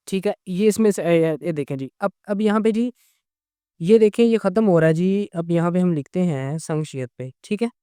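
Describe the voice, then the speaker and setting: High, crisp-voiced man teaching grammar. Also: mellow, no echo, clean studio sound. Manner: patient, repeats "okay?" often. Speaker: language teacher. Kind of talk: explaining grammar lesson.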